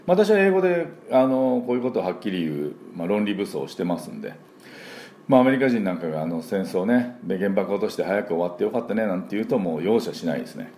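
A man's voice: low voice, big pitch swings, quick pace, warm tone, a little hiss or hum. A man, an English teacher and school principal, giving a casual spoken radio lesson, chatty with many fillers and modeling pronunciation aloud.

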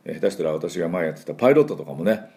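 Deep-voiced man teaching pronunciation playfully. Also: lively intonation, racing, warm tone. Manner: playful, acts out sounds and exaggerated drills. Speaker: English pronunciation teacher and host. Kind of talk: lively pronunciation lesson.

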